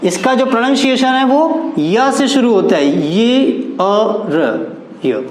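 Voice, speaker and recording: A man's voice: extremely high pitch, sing-song, slow, roomy sound, slight background noise, low-quality recording. A man teaching English grammar in a classroom style, spelling out words letter by letter and explaining them step by step.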